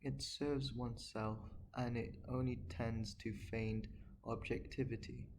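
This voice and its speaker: A man giving an earnest, measured political monologue, talking on his own without a script. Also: mid-range voice, little pitch movement, a little hiss or hum, rough recording. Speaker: political commentator. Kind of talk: unscripted solo monologue.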